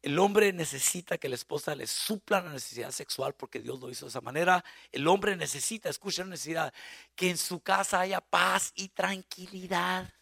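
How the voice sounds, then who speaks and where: A man preaching a sermon on marriage as a guest pastor, animated, acting out spouses' lines and shouting for emphasis. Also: high-pitched, moderate pace, vocal fry, husky, no echo, clean studio sound.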